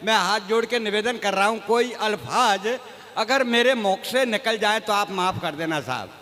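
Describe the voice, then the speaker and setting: A man's voice: high-pitched, lively intonation, moderate pace, sharp tone. A man from Rajasthan performing stage comedy poetry, folksy and self-mocking, talking straight to the audience. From Rajasthan, India. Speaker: comic poet. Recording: echoey hall reverb.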